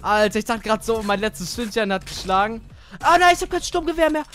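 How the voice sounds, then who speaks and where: A man giving casual gaming commentary, excitable and chatty as he plays with a teammate. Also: sits high, brisk, faint music behind. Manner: excitable, swears casually, talks to teammate while playing. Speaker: gamer.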